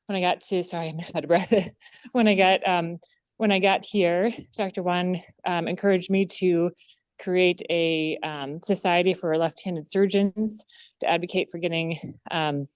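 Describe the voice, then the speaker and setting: Smooth lower-voiced woman introducing speakers. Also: no room sound. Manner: hesitant, many "um" fillers.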